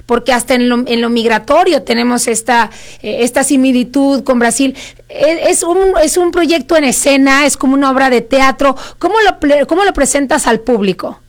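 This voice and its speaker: Woman host asking questions, high voice, keeps repeating herself. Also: normal speed. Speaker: interviewer. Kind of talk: event interview.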